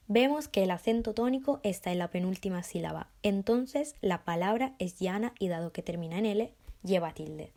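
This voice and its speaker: A woman with a mellow, darker-toned voice at a middle pitch reads a scripted grammar lesson. She takes each rule and example calmly and carefully. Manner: calm, careful reading of rules and examples. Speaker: student presenter.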